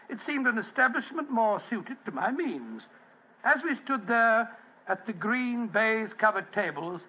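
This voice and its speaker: An actor playing a genial, fussy older English doctor, narrating and acting in an old-time radio drama. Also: male voice, high-pitched, phone-quality sound. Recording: thin, band-limited vintage radio recording.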